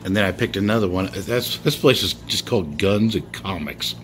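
This collector's deep voice is expressive and fairly bright, moving at a normal speed as he shows toy cars laid out on a bedsheet indoors. Filmed on a handheld phone, the casual show-and-tell vlog rambles along with chuckles and fillers, over slight background noise.

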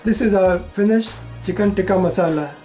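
Older man calmly explaining a recipe. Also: sits high, faint music behind. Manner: calm, plain, measured instructions. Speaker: home cook host. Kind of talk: step-by-step cooking instruction.

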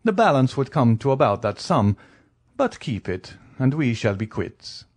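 A man's voice: medium pitch, big pitch swings, measured pace, darkish tone, slightly rough, voice pushed up. A man voicing an urbane, wealthy count in an audiobook, politely ironic and entirely self-assured. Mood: gracious, teasing. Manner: polite, teasing, unruffled. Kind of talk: audiobook character voice.

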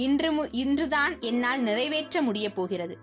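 A woman's voice: high-pitched, animated, normal speed, faint music behind. A woman reading the lines of a scheming middle-aged male circus owner in a children's story, with a mocking, taunting manner.

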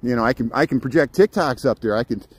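Walking through a city park, this middle-aged man from Indiana rambles casually on a livestream in a mid-range voice with a Midwestern accent. His talk is chatty but halting, hopping between topics over loud traffic and outdoor noise.

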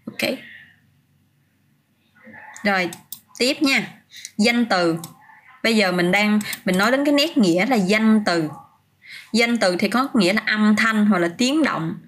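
A woman's voice: medium pitch, measured pace, pauses often. A woman teaching English vocabulary on a casual livestream, chatting, answering viewers' comments by name and often restarting her sentences.

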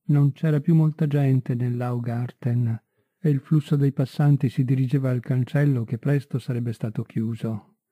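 A man reading a literary story aloud in a measured, unhurried way, on a tinny, dry recording. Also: medium pitch, fairly even intonation, dry recording. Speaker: audiobook reader. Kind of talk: literary audiobook narration.

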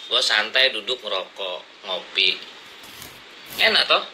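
A man's voice: fairly low pitch, very animated, takes it slowly, sharp tone, slight background noise, low-quality recording. A man ranting at his critics in blunt, confrontational slang, lecturing them from his seat. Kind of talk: heated casual rant to camera. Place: seated indoors, smoking and drinking coffee.

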